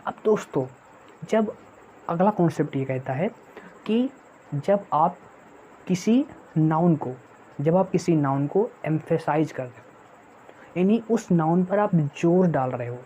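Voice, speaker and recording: A woman teaches an online English lesson for exam prep, often repeating herself, calling viewers her friends, and answering her own questions. Her low voice has lively intonation and a warm tone, and she speaks slowly with long pauses. The audio is dull and lo-fi with faint noise.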